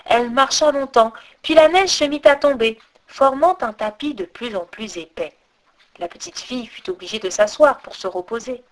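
A woman reading a fairy tale aloud as storyteller, expressive and lilting. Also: fairly high pitch, moderate pace, poor audio.

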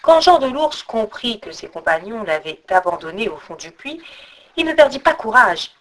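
A woman reads a folk tale aloud as a storyteller, following a script. Her voice sits fairly high and swoops expressively through the story. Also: sing-song, normal speed, low-quality recording. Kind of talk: scripted narration.

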